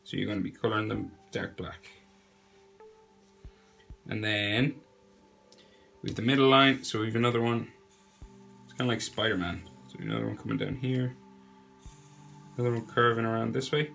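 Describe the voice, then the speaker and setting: This young man has a cold, and his lowish, gravelly voice comes out nasal at a moderate pace with frequent pauses. He's narrating a drawing tutorial, giving relaxed, chatty step-by-step instructions as faint music plays.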